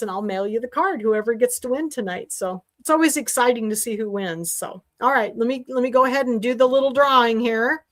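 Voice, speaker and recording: A woman with a fairly high voice hosts a casual sewing livestream from her desk mic. She talks in a rambling, chatty way, full of fillers and restarts. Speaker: sewing class host. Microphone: desk mic while streaming.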